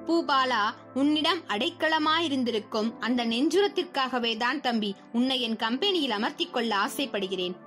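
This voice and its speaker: A woman's voice: high voice, lively intonation, normal speed, a bit bright, soft background music. A woman reading the lines of a scheming middle-aged male circus owner in a children's story, with a mocking, taunting manner. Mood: coaxing.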